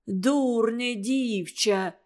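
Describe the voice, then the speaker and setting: A woman's voice: mid-range voice, a little slow, natural voice. A woman voicing a stern but kind older caretaker in an audiobook, scolding in folksy speech with Ukrainian words. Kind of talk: audiobook character voice.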